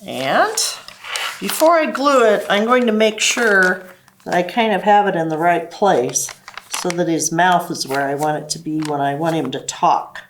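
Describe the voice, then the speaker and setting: A woman's voice: on the low side, measured pace, slight background noise. A woman hosting a children's library program, explaining stories and crafts to kids in simple step-by-step terms. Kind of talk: children's craft lesson and storytime talk.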